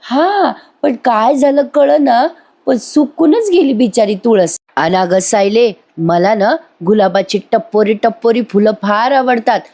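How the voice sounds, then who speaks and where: A woman voicing a blunt, loud older village woman who talks in a brash, scolding way. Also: a little high, measured pace.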